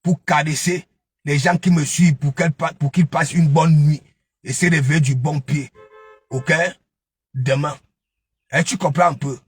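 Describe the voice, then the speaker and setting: Male commentator with a high, husky voice, scolding and mocking, dry sound. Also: fairly even intonation, moderate pace, pauses often, soft background music. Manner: taunting, keeps asking "hein?". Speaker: online gossip commentator. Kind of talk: ranting live commentary.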